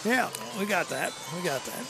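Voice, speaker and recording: A man doing play-by-play commentary for a local high school basketball broadcast, joking between plays. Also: moderate pace, gravelly, over music. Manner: jokey, calls plays excitedly. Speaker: play-by-play announcer.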